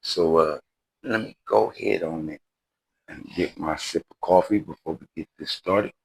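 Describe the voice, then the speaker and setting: Man, forties, model car channel host, casual rambling chat, dry close sound, extremely deep voice. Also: moderate pace, gravelly, slightly rough, no echo, poor audio. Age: 40s. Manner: laid-back, rambling, says "y'all" and "you know what I mean" often.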